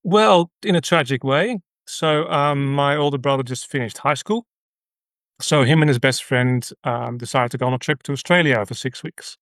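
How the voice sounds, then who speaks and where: A man from the Netherlands with a Dutch accent, a ministry leader recounting his story as an interview guest in an earnest, halting way with many fillers. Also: mid-range voice, a bit bright, no echo. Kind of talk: conversational interview.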